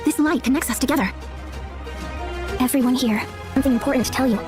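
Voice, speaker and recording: A woman's voice: sits high, quick pace, natural voice. A woman playing an earnest, hopeful girl in an overacted English anime dub style, with music behind her.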